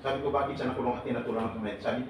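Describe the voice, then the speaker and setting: A man's voice: mid-range voice, level tone, very fast. A man leads a seminar for a live crowd, bantering, laughing and throwing questions at the listeners. His voice sits in the middle range and comes from some distance from the mic, caught in a large echoing hall with faint noise underneath. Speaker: seminar speaker for overseas workers. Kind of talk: lively seminar talk to a live audience. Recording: echoey hall, voice from far off.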